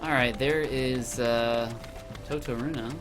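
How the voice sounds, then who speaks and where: A man casually commentating as he plays a video game, chatty and thinking out loud. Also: medium pitch, steady tone, slow pace, over music. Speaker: let's play host.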